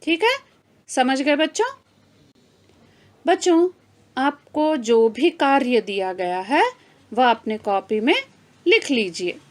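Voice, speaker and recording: A woman's voice: high voice, sing-song, takes it slowly, long pauses. A woman teaching children a Hindi grammar lesson, drawing out each example word, repeating it, and asking the class questions she then answers herself. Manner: mixes in English words to explain terms.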